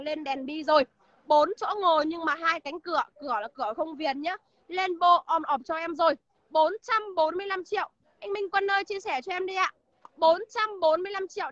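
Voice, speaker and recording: A woman pitches used cars in a very high, bright, ringing voice, rattling off features and prices. She greets her viewers by name as she goes. The sound is dry and a bit dull, like a phone stream from an outdoor car lot. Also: no echo. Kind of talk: livestream sales pitch.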